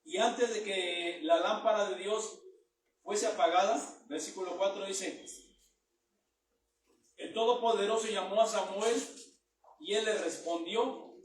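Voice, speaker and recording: A man's voice: high-pitched, unhurried, long pauses, a little hiss or hum. A man preaching a Bible teaching sermon, reading verses aloud and then explaining them in plain words. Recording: very echoey room, mic far off.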